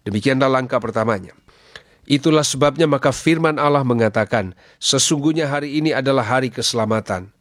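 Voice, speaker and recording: A man's voice: mid-range voice, fairly quick, no room sound, clean studio sound. A man preaching a radio sermon, earnest and exhorting, asking his listeners question after question.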